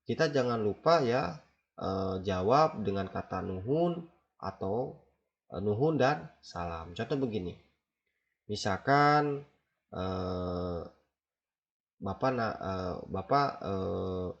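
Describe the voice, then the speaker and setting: Male teacher with a Sundanese accent, gravelly, slow and halting, dull lo-fi sound. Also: lowish voice, lively intonation. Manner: slow, halting, with many fillers, mixing two languages. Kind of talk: classroom lesson explaining phone etiquette. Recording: dull lo-fi recording.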